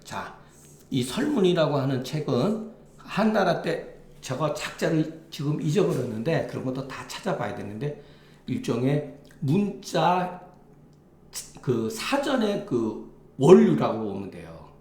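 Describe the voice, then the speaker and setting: A man's voice: on the high side, sing-song, unhurried, a little mellow, roomy sound. A man lecturing on a classical Chinese text, reading lines aloud and then glossing them plainly, with frequent affirming asides. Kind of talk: explaining a classical text line by line.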